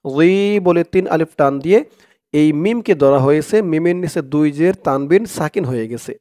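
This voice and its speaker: A man teaching Quran reading, chanting verses slowly and then explaining the rules in quick speech. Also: fairly high pitch, dark tone.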